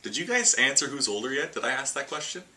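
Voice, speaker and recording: A young man hosting a casual card-game deck breakdown, reading card lists quickly and joking between them. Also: mid-range voice, expressive, pushed and bright, rough recording. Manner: quick, jokey list-reading with laughs. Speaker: host.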